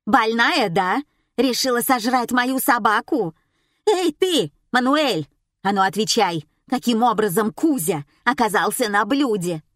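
A woman voicing a shrill, hysterical woman who screams in outrage over her little dog. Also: expressive, unhurried, breathy edge, dry recording, studio quality. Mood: outraged. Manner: shrieking, outraged. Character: shrill hysterical woman, small dog's owner.

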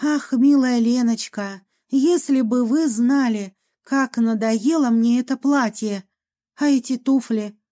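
A woman voicing a chatty young female ghost, a former medium, who talks in a lively, theatrical way and sighs a lot. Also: on the high side, takes it slowly. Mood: wistful. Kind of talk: audiobook reading.

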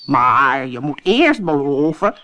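Woman doing a slow, pleading talking frog. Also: very deep voice, sing-song, bright, forceful tone, voice pushed down, exaggerated voice. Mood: coaxing. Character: patient, gentle male frog. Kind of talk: storybook reading.

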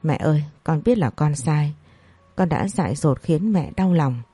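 A young daughter begs her mother for forgiveness in a low, mellow voice, as a woman storyteller plays her. The recording is dry and close. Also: lively intonation, a little slow, slightly rough, dry recording, full character voice. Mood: pleading. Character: pleading pregnant young daughter.

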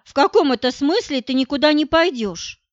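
A woman's voice: sits high, expressive, normal speed, no room sound, pitched above the performer's own voice. A woman voicing a worried, insistent middle-aged mother who presses with questions, in a dull, dry recording.

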